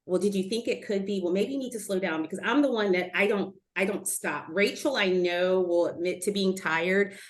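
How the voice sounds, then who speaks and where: A middle-aged woman speaking as a webinar guest, a lively storyteller who acts out what others said, on a video call. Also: mid-range voice, normal speed, few pauses. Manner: lively storyteller, animated quoting of others, laughs easily. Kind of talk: casual interview on a video call.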